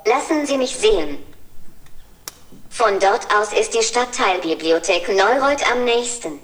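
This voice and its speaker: A synthetic female voice of a humanoid service robot, speaking in polite, cheerful assistant phrases during a scripted demo. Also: fairly high pitch. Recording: roomy and far from mic.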